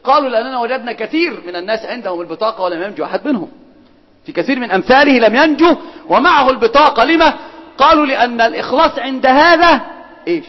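A man with an Egyptian accent teaching a religious lesson. He quizzes his students and swings between loud and soft speech. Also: very high-pitched, lively intonation, rapid-fire. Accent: Egyptian Arabic. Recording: dull, hall with long reverb.

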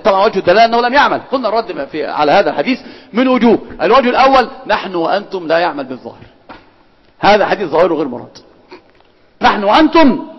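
High, fast-talking Egyptian teacher in a hall. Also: male voice. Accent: Egyptian Arabic. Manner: lively, quizzes the class, swings between loud and soft. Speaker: religious teacher. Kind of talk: religious lesson to students. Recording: dull, hall with long reverb.

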